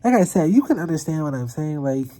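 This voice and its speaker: A woman's voice: low voice, sing-song, fast, warm tone. Young woman with a slight retainer lisp. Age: young adult. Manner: slightly slurred, loose articulation. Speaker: YouTube vlogger. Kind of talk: casual chat to viewers.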